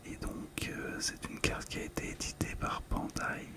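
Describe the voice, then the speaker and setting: A middle-aged ASMR host whispers commentary about a collectible, speaking close to the mic in a calm, gentle, slightly hesitant way at a normal speed.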